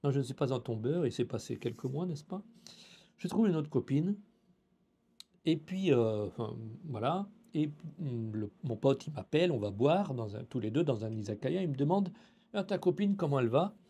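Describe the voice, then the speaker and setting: Mellow, husky French storyteller man. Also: mid-range voice, normal speed. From France. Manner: animated, acts out dialogue, drops in Japanese phrases. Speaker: YouTuber telling a personal story. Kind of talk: casual storytelling.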